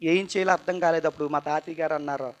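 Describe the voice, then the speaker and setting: A young man telling his personal testimony at a church youth meeting, tired and earnest, his voice moving between loud bursts and quiet asides. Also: a little high, steady tone, racing. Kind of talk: emotional testimony sermon.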